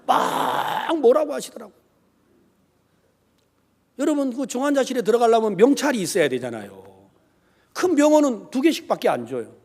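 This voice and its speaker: Male pastor, high animated voice, theatrical storyteller, long hall echo. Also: moderate pace, long pauses. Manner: dramatic, switches between voices for quoted people. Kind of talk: sermon storytelling with acted dialogue. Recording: echoey hall reverb.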